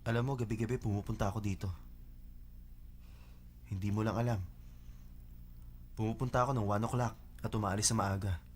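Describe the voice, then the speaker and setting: A man's voice: on the low side, steady tone, a little fast, pauses often, a little hiss or hum, lightly acted. A man dubbing the part of a blunt, protective rich young man in a drama. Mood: complaining. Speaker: dub actor. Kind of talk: Tagalog drama dub. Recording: dub with faint music underneath.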